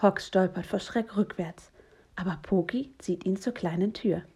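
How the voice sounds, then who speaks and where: A woman reading a children's bedtime story aloud, soft and gentle, often hushed. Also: medium pitch, measured pace, slightly rough. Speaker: reader.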